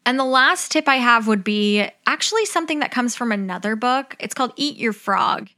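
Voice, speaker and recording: A woman's voice: a little high, lively intonation, normal speed, bright, forceful tone. A young adult woman giving upbeat, organised advice like a vlogger, chatty and candid, with casual swearing.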